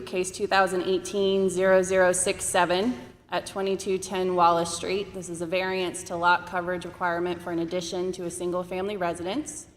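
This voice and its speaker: A woman zoning administrator reading case numbers and addresses from a meeting agenda in a formal way, her voice going hoarse. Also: on the low side. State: losing her voice. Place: city hall meeting chamber. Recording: echoey council chamber.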